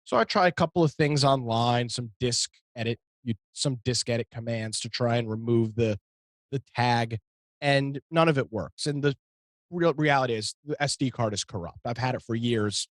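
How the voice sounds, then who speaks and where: A man's voice: medium pitch, normal speed, no echo. An American man co-hosting a talk show, speaking casually and telling stories with emphatic exasperation. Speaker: co-host of a computer talk show.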